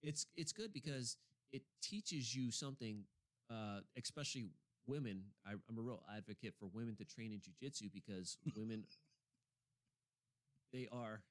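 A man's voice: medium pitch, unhurried. A man hosting a casual studio chat, laid-back and joking, often trailing off mid-sentence. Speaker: podcast host. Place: small studio.

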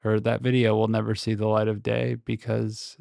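A man's voice: on the low side, monotone, moderate pace, gravelly, darkish tone, no echo. A man recording a casual, reflective solo podcast monologue very close to the microphone, speaking in a hesitant, introspective way. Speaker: podcast host.

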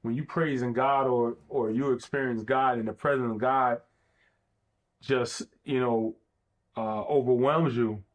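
A man speaking as a guest in a reflective conversation, earnest and thoughtful, pausing as he searches for words. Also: medium pitch, steady tone, dull audio.

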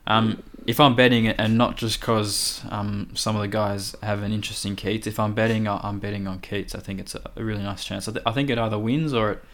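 A man analysing horse races casually, in a halting, hesitant manner. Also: lowish voice, fairly even intonation, a bit bright. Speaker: racing podcast tipster. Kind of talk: casual analytical racing chat.

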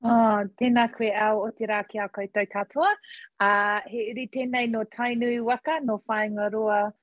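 A woman's voice: on the high side, level tone, moderate pace, no echo, lo-fi sound. A woman with a New Zealand accent, talking conversationally as a panel guest and mixing in Māori words. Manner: mixes Māori words and greetings into speech. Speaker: panel guest, coalition co-chair.

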